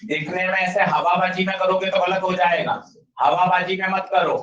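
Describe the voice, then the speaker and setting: Male teacher, energetic and pushing students, high bright voice, dull roomy classroom sound from a distance. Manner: energetic, drilling students with rapid questions. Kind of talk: classroom physics lecture.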